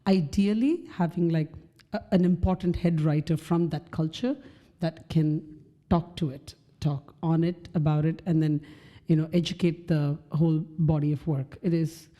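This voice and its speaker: Deep, very dark-voiced woman co-host. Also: steady tone, moderate pace. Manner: thoughtful, searching for words with fillers. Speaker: podcast co-host. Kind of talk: casual conversational chat.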